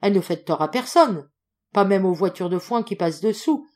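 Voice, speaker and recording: A woman voicing a chatty, gossipy male junk dealer in an audiobook, telling his tale loudly and with lots of exclamations. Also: mid-range voice, a little fast, natural voice. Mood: storytelling. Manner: loud, exclaiming, animated storytelling. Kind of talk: audiobook character voice.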